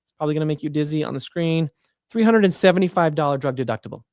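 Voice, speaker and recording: A man's voice: fairly high pitch, rapid-fire, darkish tone, dry recording, studio quality. A man hosting a livestream, casually walking viewers through insurance plans while thinking aloud with fillers and restarts. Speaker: Medicare plan advisor hosting a livestream.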